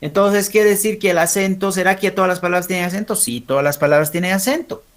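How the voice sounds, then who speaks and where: High-voiced Bolivian teacher checking students' understanding. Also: male voice. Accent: Bolivian Spanish. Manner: keeps checking understanding with quick tag questions; asks students questions and calls on them. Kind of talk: classroom lesson.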